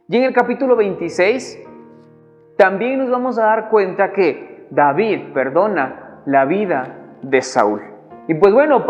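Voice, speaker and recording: A man from Ecuador giving a devotional sermon, earnest and halting, often repeating words as he goes. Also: high-pitched. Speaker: preacher. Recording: dull recording in a reverberant hall, soft music behind.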